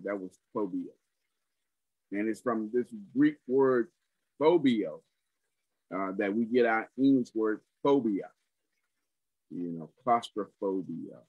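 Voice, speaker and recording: A man preaching a sermon, teaching slowly and deliberately, repeating phrases for emphasis. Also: fairly low pitch, no echo, muffled recording.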